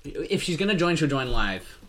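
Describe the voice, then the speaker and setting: A man's voice: a little high, sing-song, normal speed, slight background noise. A young man hosting a casual podcast chat, teasing his friends, swearing a lot and laughing easily. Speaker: podcast host. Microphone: shared studio mic.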